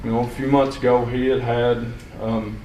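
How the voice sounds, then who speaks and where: A man's voice: mid-range voice, flat delivery, normal speed, mellow. A young man giving unscripted public comment at a county meeting, plain-spoken and rambling with restarts. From Sequatchie County, Tennessee. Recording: echoey hall, distant mic, faint hiss.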